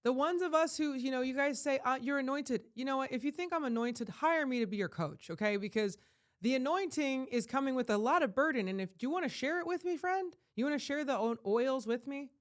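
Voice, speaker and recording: A woman life coach giving an emphatic, rambling vlog monologue that surges to loud, heated peaks. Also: high-pitched, lively intonation, brisk. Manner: rambling with frequent restarts.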